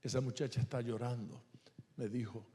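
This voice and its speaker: A man's voice: medium pitch, moderate pace. A man answering questions at a church men's meeting, telling stories and acting out the voices of the people in them. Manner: animated storyteller, acts out voices. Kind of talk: Q&A talk at a church men's event.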